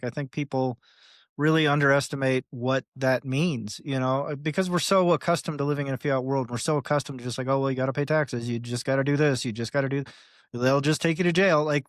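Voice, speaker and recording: A young man hosts a relaxed podcast, his voice sitting a bit high for a man. He tells stories with energy, slipping into little acted-out quotes and laughing easily. The sound is dry, with no room to it. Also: no echo. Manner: animated storyteller, acts out quotes, laughs often. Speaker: podcast host. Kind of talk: casual podcast conversation.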